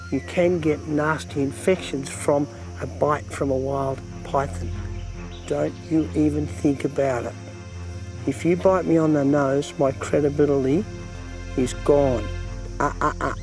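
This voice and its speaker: A man's voice: a little high, a little mellow. A man in his fifties with an Australian accent, presenting a wildlife documentary outdoors in a dramatic, emphatic, marvelling manner. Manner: dramatic, emphatic, marvelling, often breaking off to address the animal. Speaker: wildlife show host.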